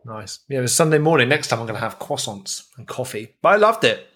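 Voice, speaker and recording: A man co-hosting a podcast in casual chat, telling jokey stories with animated asides. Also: mid-range voice, fast, husky. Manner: jokey storytelling, animated impressions. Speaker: podcast co-host.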